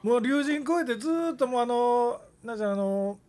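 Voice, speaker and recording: High-pitched, quick Kansai man chatting. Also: dark tone. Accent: Kansai Japanese. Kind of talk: casual chat.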